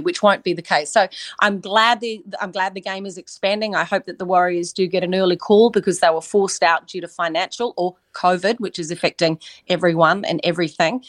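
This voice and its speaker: A woman with a New Zealand accent and a lowish voice argues her points on sports radio. She is emphatic, plain-spoken and colloquial, and the sound is close and dry. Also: no echo. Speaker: sports commentator, radio guest. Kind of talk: opinionated radio discussion.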